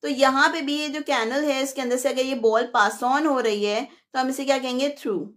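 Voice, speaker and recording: A woman's voice: high voice, fairly even intonation, moderate pace. A young woman teaching a live online lesson, explaining step by step and mixing Hindi-Urdu with English.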